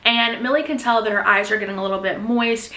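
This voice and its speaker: A chatty young woman recapping a thriller novel casually, lively and quick to jump into the characters' voices. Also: fairly high pitch, echoey room. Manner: chatty and animated, jumps into quoted voices. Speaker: book reviewer.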